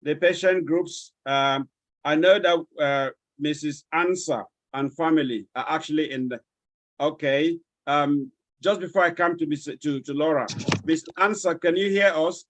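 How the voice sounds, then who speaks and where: Nigerian guy running a zoom webinar roll call, bit high voice, dry sound, polite and halting. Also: fairly even intonation, no echo, highs cut off. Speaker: webinar moderator. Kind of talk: moderating an online webinar. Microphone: video call.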